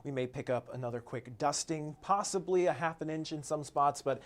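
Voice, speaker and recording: A man's voice: a little high, moderate pace. Easygoing male meteorologist streaming a forecast. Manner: conversational, easygoing, frequent "uh" fillers. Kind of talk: live-streamed weather forecast.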